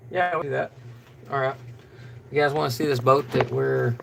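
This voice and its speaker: A man with a gravelly voice hosting a casual fishing live stream, talking in a monotone with lots of fillers. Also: mid-range voice, moderate pace, background noise. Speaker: fishing channel host.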